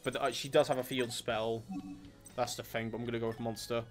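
A man's voice: medium pitch, level tone, brisk, faint music behind. Casual male let's-play commentator, mutters and sighs at the game. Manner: muttering, exasperated asides. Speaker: gamer doing a let's play.

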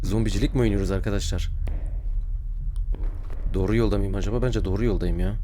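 A young gaming YouTuber plays a horror game and comments as he goes, acting brave and then yelping and shrieking in fright and muttering prayers when scared. His voice is low-ish, warm, and steady, delivered at a quick pace, with a little hiss or hum in the recording.

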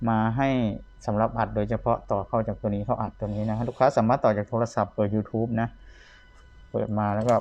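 A man's voice: on the low side, little pitch movement, a little fast, darkish tone, dry recording, lo-fi sound. A man giving a casual product review as a seller demonstrating vintage audio gear. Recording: clear background noise, clicking buttons, radio bleed. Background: radio or tape of the demonstrated player.

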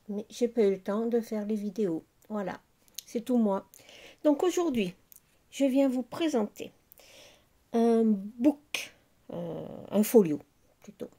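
A middle-aged woman hosting a casual crafting video, chatty and unhurried with many fillers as she shows her handmade work. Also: mid-range voice, mellow. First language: French. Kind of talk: casual crafting show-and-tell.

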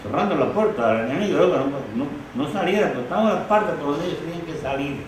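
Speaking fast in a rather high voice with lively intonation, a Galician-born older man who fought as a rebel soldier reflects on the war in an interview, tagging many sentences with "¿no?". He is from Galicia, Spain, and sits indoors in a living room. The room is very echoey, the mic is distant, and the background is noisy.

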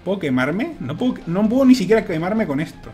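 Guy playing a game, high voice, jumpy and shouty, little bit of music underneath. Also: a little fast. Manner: excitable, shouts and repeats words when nervous. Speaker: gaming YouTuber. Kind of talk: Let's Play commentary. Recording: faint music behind.

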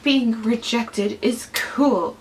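A young woman in a casual, playful voice-over, mocking herself and dropping into hushed asides. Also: a little high, very slow, slight background noise, low-quality recording. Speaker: vlogger. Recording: voice over clear background music.

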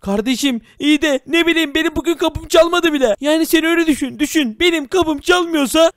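Excitable man with a high voice. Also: brisk, no echo, clean studio sound. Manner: excitable, dramatic, exclaiming. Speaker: YouTuber narrating a game role-play. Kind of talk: comic game role-play narration.

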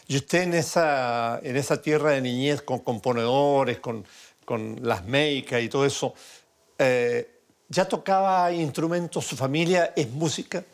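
A man's voice: medium pitch, a little slow. A man hosting a radio interview, chatty and often chiming in with short prompts.

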